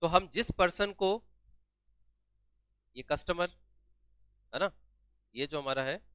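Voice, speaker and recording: Guy teaching accounting, a bit high pitched, keeps repeating the key words and asking if it's clear. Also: slow pace, fairly bright tone, dry recording. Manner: asks questions and answers them himself, repeats key terms. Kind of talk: classroom-style lesson.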